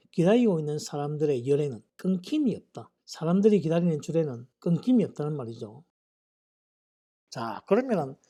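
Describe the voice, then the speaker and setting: A man teaching English vocabulary in a lecture, reading English example sentences slowly and carefully. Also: on the high side, warm tone. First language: Korean.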